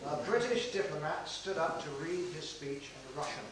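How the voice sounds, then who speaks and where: Dad of the bride doing his toast on a hissy old vhs home video, high-ish voice, way off from the mic. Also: lively intonation. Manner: measured, joking formal delivery. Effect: old VHS home video tape. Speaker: father of the bride. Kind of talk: wedding toast speech. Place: large room at a wedding reception. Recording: echoey hall, far from the camera, hiss on the tape.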